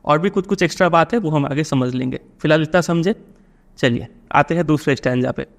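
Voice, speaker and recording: A man's voice: a little high, brisk, creaky. Indian male teacher explaining a poem. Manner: patient, keeps checking students follow.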